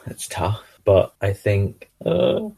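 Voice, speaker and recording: A man co-hosting a casual podcast chat, playful with quick gasping reactions and laughs. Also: fairly low pitch, big pitch swings, vocal fry, mellow, slightly rough. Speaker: podcast co-host.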